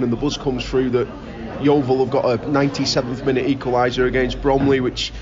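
A man's voice: medium pitch, highs cut off. A man, a local radio football commentator, answering interview questions enthusiastically and emphatically, often repeating words. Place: busy pub. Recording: busy pub chatter behind.

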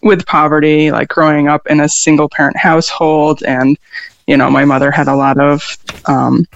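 Her low, gravelly voice comes through dull audio with a flat delivery at normal speed. She is a songwriter guest from upstate New York, raised in Vermont, giving a hesitant interview filled with fillers and restarts.

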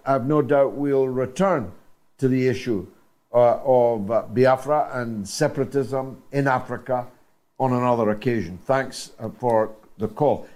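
An older man from Britain hosting a call-in show, speaking deliberately and emphatically with many pauses. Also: mid-range voice, darkish tone. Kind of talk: radio phone-in talk.

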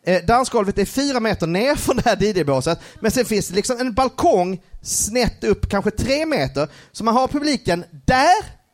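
A man's voice: high-pitched, lively intonation. A young man telling a funny story on a live podcast, laughing often and using many filler words.

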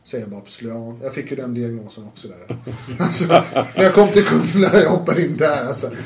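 A man guest telling his own story in a casual, animated way, swearing now and then and acting out what others said. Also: medium pitch, gravelly. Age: adult with children. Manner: animated, swears, acts out quotes, laughs often. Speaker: interview guest. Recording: roomy room with faint noise.

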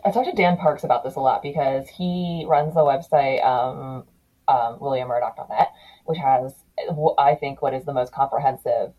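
Low husky woman chatting on a podcast. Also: normal speed, lo-fi sound. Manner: chatty, animated storytelling with many restarts. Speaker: podcast host. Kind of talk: casual conversation.

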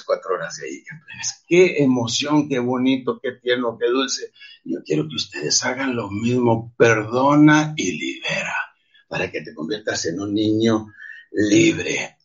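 A man's voice: lowish voice, husky. A middle-aged man with a Mexican accent giving an emphatic motivational talk, urging listeners to forgive. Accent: Mexican Spanish. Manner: emphatic, preachy, calls listeners "campeones". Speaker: motivational speaker. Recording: dull lo-fi audio.

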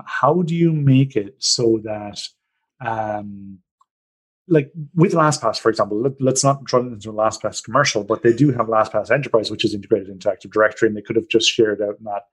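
An Irish-accented podcast host rambles, jokes and tells stories in a chatty, casual way. His voice is on the low side with a breathy edge, at normal speed, in a low-quality recording.

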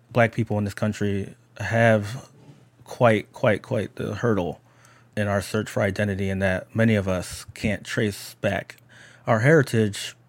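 A man from Philadelphia talking as an interview guest in a reflective, halting way, often repeating words. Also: lowish voice, dry recording. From Philadelphia, United States. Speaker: interview guest, chef and poet. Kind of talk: thoughtful interview talk.

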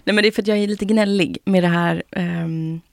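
Podcast host, young woman, gravelly, dry close sound, animated storyteller. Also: mid-range voice, dry recording. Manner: animated storytelling, acting out both sides of dialogues. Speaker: podcast host sharing her weight-loss journey. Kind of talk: casual chat.

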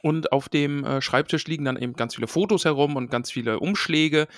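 A man's voice: a little high, a little fast, no echo, studio quality. A man co-hosting a casual podcast, chattily retelling a book chapter with playful voiced quotes. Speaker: podcast co-host.

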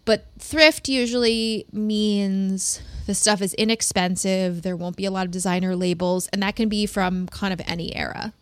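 Female podcast host, mid-pitched, vocal fry, casual chatty advice delivery, dry recording. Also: steady tone, normal speed, hardly any pauses, dry recording. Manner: casual, peppered with "like".

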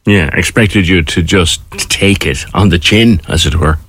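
A man's voice: low-pitched, unhurried, fairly bright tone, breathy edge, no room sound. A man asking questions conversationally as an interviewer.

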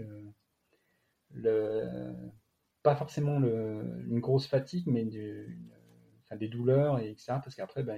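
In an interview, a guest athlete with a French accent tells his story casually, his speech broken up by many fillers and restarts. He has a warm, gravelly voice of medium pitch, and the high frequencies in the recording are cut off.

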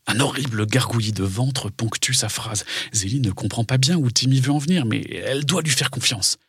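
A man's voice: mid-range voice, moderate pace, fairly bright tone, breathy edge, no room sound, clean studio sound. A man narrating a scripted dramatic story for children.

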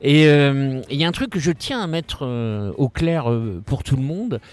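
A man's voice: mid-range voice, animated, moderate pace. A man hosting a casual podcast interview, talking hesitantly with many fillers and restarts. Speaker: podcast host.

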